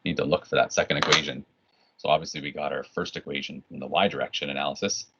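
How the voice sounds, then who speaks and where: A man from Canada with a rumbling low voice speaks fast in a steady tone, with background noise audible. His online physics lesson is casual and rambling, packed with restarts and "right?" checks, recorded in dull lo-fi quality.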